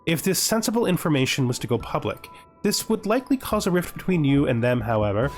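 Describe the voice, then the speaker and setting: Over faint music, a gaming video host with a slightly high voice plays and comments in a quick, very animated way. He thinks aloud in short casual remarks, role-plays along in the first person, and sometimes reads the game's text out loud.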